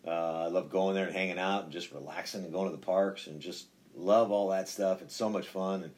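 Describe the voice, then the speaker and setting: A man with a low voice speaks as a pastor in an informal podcast talk. He is conversational and halting, circling back to repeat phrases as he shares his faith. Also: steady tone, darkish tone. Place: indoors, inside a metal church building.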